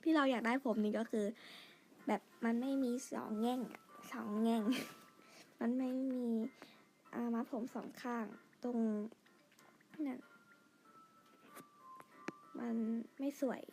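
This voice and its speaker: A woman chatting quietly through her game, pleading for lucky draws and gushing over outfits. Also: a little high, fairly even intonation, slow pace, vocal fry, long pauses, faint music behind. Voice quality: quiet, soft-spoken. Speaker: gamer narrating her play. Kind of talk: casual game commentary.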